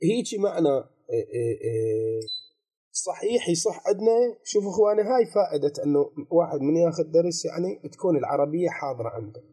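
An Iraqi man giving a seminary lesson on religious law, his voice husky and deeply mellow. He explains patiently, tossing out rhetorical questions and repeating key phrases. When he reads from the text, he slows right down. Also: animated. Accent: Iraqi Arabic. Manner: reads quoted text slowly and deliberately.

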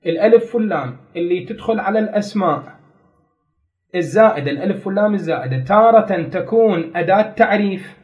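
In a classroom lecture, a man with a high voice teaches grammar step by step, repeating key terms and putting questions to his students. The recording is muffled.

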